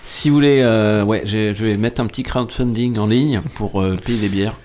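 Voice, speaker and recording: A man's voice: on the low side, moderate pace, darkish tone. A man hosting a radio show, asking a guest questions in a jokey, upbeat way. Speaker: radio host. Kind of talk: casual radio interview chat.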